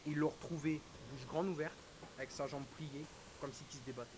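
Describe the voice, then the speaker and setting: A male streamer recounting a personal loss in halting, emotional storytelling, his voice dropping to a hush and then rising again. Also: on the high side, steady tone. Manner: halting, quotes dialogue, swings between hushed and raised. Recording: hissy background noise.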